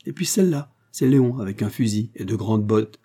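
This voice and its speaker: A man's voice: fairly low pitch, animated, brisk, mellow. A man voicing a talkative, fussy elderly woman fruit-seller in an audiobook. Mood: eager, chatty. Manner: eager, talkative, effusive.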